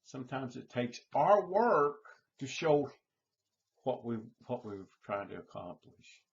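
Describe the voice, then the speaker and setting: A middle-aged man, preaching a sermon in a slow storytelling manner and repeating his phrases. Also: mid-range voice, very animated, gravelly. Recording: dull lo-fi recording.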